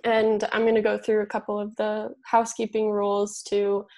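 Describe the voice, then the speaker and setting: Young woman organizer, flat slightly raspy delivery, casual fillers, laptop-mic sound. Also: mid-range voice, moderate pace. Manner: casual, hesitant, lots of fillers and small laughs. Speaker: event organizer at an exhibition space. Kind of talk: housekeeping introduction on a video call. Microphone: laptop mic on a video call.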